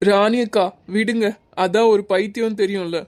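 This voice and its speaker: A woman voicing a kind, sensible young village woman in an animated drama, earnest and soothing. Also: mid-range voice, moderate pace, lightly acted. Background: music.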